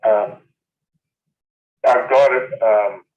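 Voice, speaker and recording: A man's voice: on the low side, fairly even intonation, very slow, darkish tone. A man calling in to a public hearing, heard through a speakerphone, who talks hesitantly and repeats himself as he stammers. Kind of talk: casual phone call. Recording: muffled speakerphone in echoey room.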